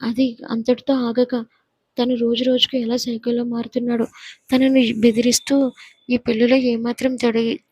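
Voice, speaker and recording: A woman storyteller reading a scripted story aloud in an even, steady way. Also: fairly high pitch, moderate pace, husky, no room sound.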